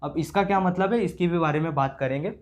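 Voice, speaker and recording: High-voiced man teaching circuits. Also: quick pace. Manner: casual Hindi-English mix, talks through each step, asks himself questions. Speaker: engineering teacher. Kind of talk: explaining circuit problems on a board.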